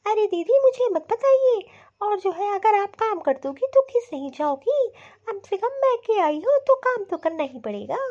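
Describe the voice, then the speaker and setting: Cartoon bahu, voiced by a woman: sharp-tongued, very high, dull recording. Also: big pitch swings, moderate pace, hardly any pauses. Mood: defiant. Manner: snappy, talking back. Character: defiant young daughter-in-law, sharp-tongued. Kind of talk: cartoon voice acting.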